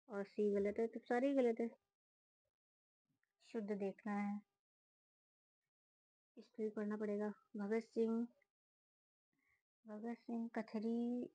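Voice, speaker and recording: A woman talks through an exam paper, reading options aloud and ruling on each one in a few words. Her voice is mellow and warm, and the recording is dry with no room sound. She speaks casually, like a student thinking out loud. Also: mid-range voice, little pitch movement, no echo, poor audio. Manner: reads options aloud, then quick verdicts. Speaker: student solving a test series. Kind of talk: casual spoken walkthrough of exam answers.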